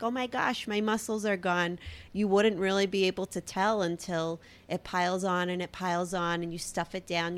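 A woman in her thirties with a Brooklyn accent, hosting a solo podcast in a chatty, self-deprecating way. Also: lowish voice. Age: 30s. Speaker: podcast host. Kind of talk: casual solo podcast talk.

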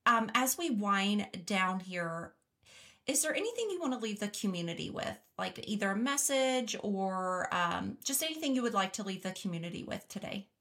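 A woman's voice: medium pitch, animated, normal speed, sharp tone. A woman hosting a casual podcast interview, encouraging and affirming her guest. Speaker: podcast host.

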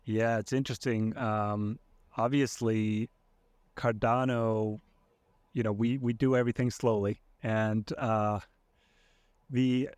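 A man from Iceland, a podcast guest, talking casually and thoughtfully with many pauses and restarts. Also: lowish voice, flat delivery, a little mellow, clean tone, no room sound. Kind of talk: casual conversation.

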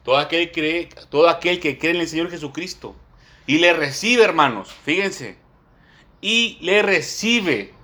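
A man delivers a sermon in a somewhat higher voice than most men. He reads scripture slowly and with weight, dropping soft asides to the brethren between phrases. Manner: addresses listeners as brothers, slow emphatic Bible reading. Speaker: preacher.

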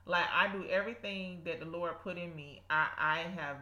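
Low-voiced woman with a South Georgia accent. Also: moderate pace, sharp tone. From south Georgia, United States. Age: 30s. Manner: folksy, addresses listeners as y'all. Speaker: podcast host. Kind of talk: casual devotional podcast with prayer. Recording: roomy, echoing sound.

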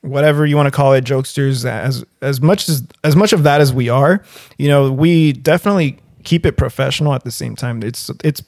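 Young male co-host, relaxed and sincere, dry booth sound. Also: mid-range voice, brisk, few pauses, dry recording. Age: young adult. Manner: laid-back, earnest, agreeable. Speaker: podcast co-host. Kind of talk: casual podcast chat.

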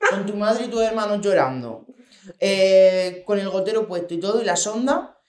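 A man's voice: high-pitched, moderate pace, darkish tone. Theatrical man in an echoey room. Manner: theatrical, mock-dramatic. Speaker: podcast co-host. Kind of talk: casual banter.

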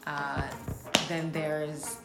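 A woman's voice: low-pitched, level tone, extremely slow, creaky, loud music behind the voice. A woman from New Jersey hosting a podcast, upbeat and emphatic, laughing easily in casual chat. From New Jersey, USA. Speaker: podcast host. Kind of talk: scripted intro then casual chat.

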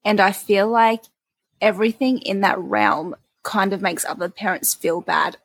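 A woman's voice: mid-range voice, lively intonation, a little slow, husky, dry recording. A young woman co-hosting a parenting podcast, talking frankly and emphatically in a casual chat, with the odd swear word. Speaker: podcast co-host.

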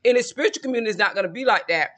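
The high-pitched, fairly bright voice of this late-forties tarot creator is expressive and rapid-fire. He rambles confidently in a casual monologue straight to camera, circling back over the same ground.

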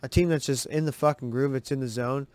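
A man hosting a sports podcast, giving excitable, rambling, profane commentary over game footage. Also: medium pitch, fairly quick, no room sound.

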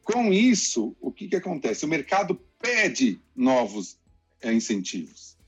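A Brazilian man explaining the economy to listeners in a lively, conversational way, acting out what people say. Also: medium pitch, unhurried, slightly rough. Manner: lively explainer, acts out quotes. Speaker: economic commentator. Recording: dull lo-fi sound with faint music.

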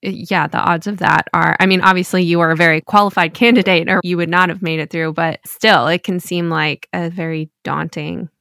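A woman hosting a casual interview, reacting to her guest with short murmurs and quick exclamations. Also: lowish voice, fairly even intonation, gravelly, fairly bright tone, no room sound, studio quality. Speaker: host.

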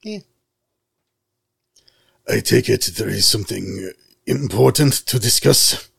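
A man runs a tabletop roleplaying game in a low-pitched voice. He narrates scenes off the cuff as game master. The sound is dry, with very little room on it. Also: takes it slowly, gravelly, fairly bright tone, breathy edge, no echo.

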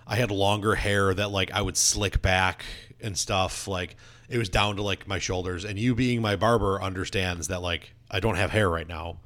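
Low-voiced man telling stories casually. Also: steady tone, normal speed, fairly bright tone. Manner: self-deprecating, laughing, many restarts. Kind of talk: casual storytelling chat.

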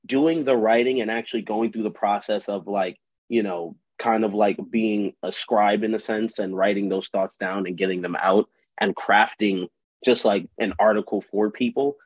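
Lowish guy chatting in an interview, slangy and loose, dry dull lo-fi sound. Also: fairly even intonation, normal speed, no echo. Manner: slangy, loose, heavy use of "like". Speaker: interview guest, musician and writer. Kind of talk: casual conversational interview talk. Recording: dull lo-fi close dry audio.

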